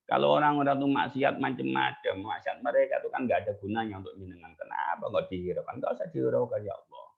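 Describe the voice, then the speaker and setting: A man's voice: mid-range voice, creaky, breathy edge, full character voice. A man voicing a blunt holy man who grumbles and complains in unpolished speech. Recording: tinny phone-like line.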